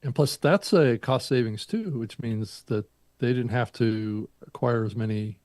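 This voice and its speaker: Measured man co-hosting a podcast. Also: medium pitch, darkish tone, dry recording. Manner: measured, explains and reasons things out. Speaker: podcast co-host. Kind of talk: live podcast chat.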